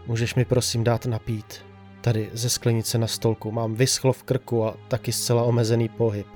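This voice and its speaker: A man's voice: medium pitch, flat delivery, a little mellow, lightly acted. A man playing a sedated, despairing patient strapped to a hospital bed, speaking in a subdued, weary, grave audio drama monologue with a dry throat. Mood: bitter. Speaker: hospitalized man telling his story. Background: faint background music.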